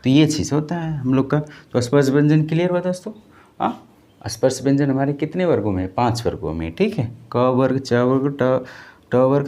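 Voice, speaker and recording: Male teacher, exam-prep lecture, mellow dark voice, call-and-answer drilling, repeats terms as questions. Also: mid-range voice. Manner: repeats key terms back as questions to students; drills by call and answer, addressing viewers as friends.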